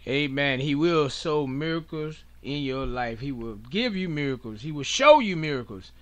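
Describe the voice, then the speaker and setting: A man's voice: fairly high pitch, lively intonation, normal speed, a bit bright, faint music behind. A man, a pastor hosting a radio show, preaching in a rhythmic cadence and punctuating his points with frequent amens.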